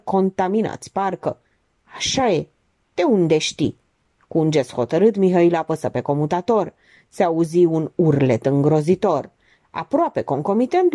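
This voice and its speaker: Expressive woman audiobook narrator. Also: lowish voice. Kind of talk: audiobook reading.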